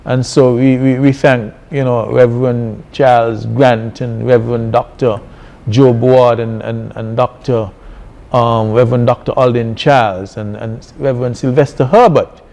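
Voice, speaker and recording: A Kittitian man speaks slowly in a mellow voice, giving interview answers as a church superintendent. His delivery is deliberate and halting, and he often repeats a word before carrying on. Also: mid-range voice, steady tone, gravelly. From Saint Kitts.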